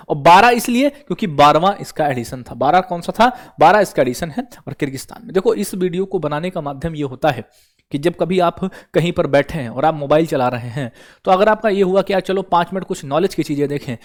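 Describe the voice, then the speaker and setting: A man teaching exam prep, who keeps asking the viewer questions and answering them himself. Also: sits high. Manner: repeats questions to the viewer and answers them, calls listeners brother.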